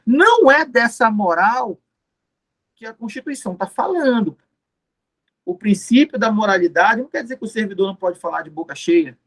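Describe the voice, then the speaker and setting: A man's voice: high-pitched, lively intonation, moderate pace, fairly bright tone. A man giving an exam-prep law lecture, explaining step by step, repeating key terms and answering his own questions. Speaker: law teacher.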